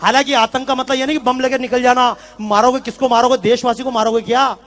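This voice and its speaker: A man's voice: very high voice, flat delivery, fast talker, fairly bright tone, soft background music. A man giving a fiery speech from a stage to a live audience, firing rhetorical questions at the crowd. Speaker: public speaker.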